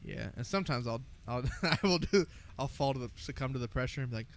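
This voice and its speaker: A young American podcast co-host talks fast in a mid-range voice with lively intonation. He chats and tells stories loudly and with plenty of swearing, in classic frat-bro fashion.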